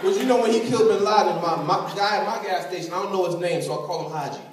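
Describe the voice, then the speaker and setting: A male comedian works the room in a loose, rambling stand-up set. His slightly high voice comes from a distance across a booming hall. Loud laughter and noise fill the room around him. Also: racing. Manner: loose, rambling crowd banter. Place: comedy club stage. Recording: echoey stage mic, roaring crowd.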